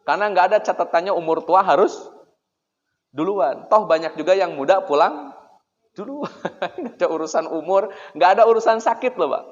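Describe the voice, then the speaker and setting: A man's voice: high-pitched, expressive, brisk. A man giving a chatty, joking sermon as an Islamic preacher, often turning to address the congregation directly. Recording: dull, echoey hall recording.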